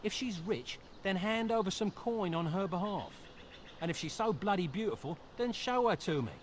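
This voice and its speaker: In a video game cutscene, a sharp-tongued mercenary hero who mocks everyone he meets and has one eye on the money. His voice sits at an ordinary pitch but swoops a lot, and it gets openly impatient and dismissive. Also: lively intonation, moderate pace, a little hiss or hum. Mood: greedy. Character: sardonic, greedy male mercenary hero, grown man.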